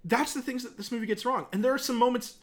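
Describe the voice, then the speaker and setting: A man's voice: very high-pitched, fast. A man co-hosting a casual film podcast, enthusiastic and opinionated about the movies he discusses. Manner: enthusiastic, opinionated, lively, fond of film trivia.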